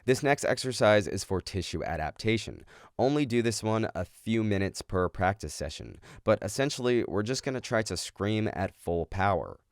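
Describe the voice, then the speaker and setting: A man's voice: fairly low pitch, animated, moderate pace, dry recording, clean studio sound. A man giving instructional explanations as a vocal coach. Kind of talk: instructional explanation of screaming technique.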